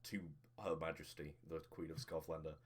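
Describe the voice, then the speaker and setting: A man with a very low voice plays in a tabletop role-playing game. He describes his character's moves in first person. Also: level tone, brisk. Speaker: player.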